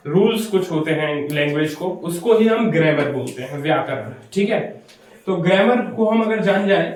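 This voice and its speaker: Male English teacher, high voice, lecturing and quizzing the class, distant camera mic in a very echoey hall. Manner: explains step by step, asks and answers his own questions. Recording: very echoey room, voice from afar.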